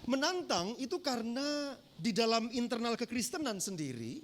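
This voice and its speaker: A male pastor, preaching a teaching sermon in a church in a measured way, pausing often with fillers. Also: very high-pitched, very animated, slight background noise. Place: church sanctuary.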